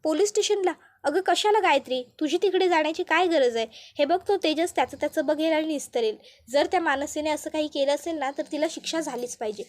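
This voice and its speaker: A bitter elder brother bluntly lays the blame on someone, as a woman narrator reads him. The voice stays high and plain. It is a simple read-aloud with little disguise. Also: brisk, lightly acted. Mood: dismissive. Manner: blunt, accusing.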